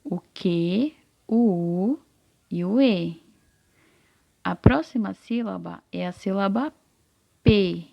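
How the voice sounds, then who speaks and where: A Brazilian woman teacher giving a recorded reading lesson to young children. She sounds out syllables deliberately and keeps checking that the child is following. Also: medium pitch, lively intonation, creaky, highs cut off. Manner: slow, deliberate, stretches out syllables and checks in often.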